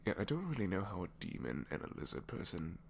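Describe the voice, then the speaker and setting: Speeding up, the man plays the reluctant villain in a low, creaky, heavily acted voice that swings widely in pitch. Confiding and sheepish, he keeps complaining dryly in a halting, rambling way for the ASMR roleplay, with faint noise behind him.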